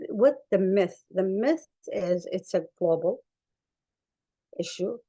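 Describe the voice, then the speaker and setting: Slow and animated, a woman's warm, mid-range voice with a breathy edge carries an earnest clinician's conference talk with slides. She is from Somalia, her first language is Arabic, and she stresses points emphatically by repeating phrases.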